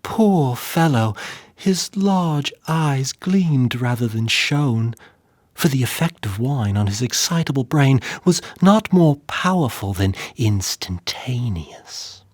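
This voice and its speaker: Male narrator for a gothic tale; slow, husky, lively pitch, whispers at tense turns. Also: dry recording, clean studio sound. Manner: measured, drops to whispers. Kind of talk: dramatic story reading.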